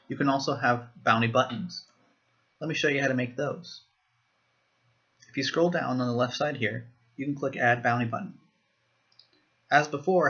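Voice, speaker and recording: A man giving a screen-recorded software walkthrough, explaining each step plainly. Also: medium pitch, muffled recording. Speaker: software demo presenter.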